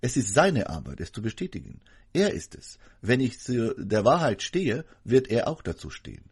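A man's voice: medium pitch, big pitch swings, normal speed, breathy edge. A man delivering a sermon as a voice-over, addressing the congregation in an earnest, emphatic preaching manner.

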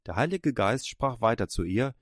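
A male preacher tells a story in an earnest, steady way, then presses his listeners with emphatic calls to act. His voice sits at a middle pitch. The recording is dry and close, with no room sound. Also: normal speed, husky, no room sound. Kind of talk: sermon.

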